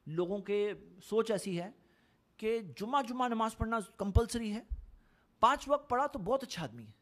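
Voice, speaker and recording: A man's voice: high voice, big pitch swings, moderate pace, a bit bright. A man from India giving an earnest, explanatory religious talk in a conversational way, repeating points for emphasis. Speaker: Islamic speaker. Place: Saudi Arabia.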